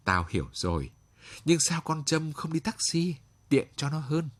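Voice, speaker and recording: A man's voice: a little high, sing-song, unhurried, no echo, voice pushed up, exaggerated voice. A man doing a humble poor old man. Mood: gentle. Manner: gentle, pleading.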